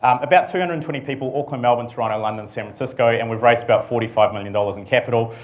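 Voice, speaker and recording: A middle-aged New Zealand man, a company CEO, gives a relaxed conference presentation full of dry humor and frequent ums. His voice sits at medium pitch, and he talks at a racing clip.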